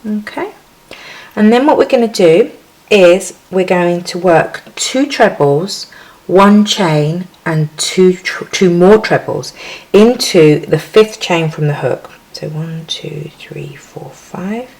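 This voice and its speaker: Talking through a crochet tutorial, this woman has a low, unhurried voice with a darkish tone. She chats and giggles between stitch counts in an easygoing, homely way, and the recording is rough.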